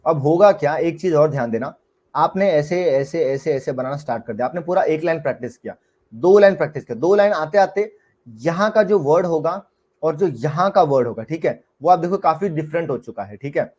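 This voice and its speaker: A man's voice: a little high, lively intonation, fairly quick, darkish tone, husky. A young Indian man teaching shorthand in a chatty live class, often checking in with his students and mixing in English words.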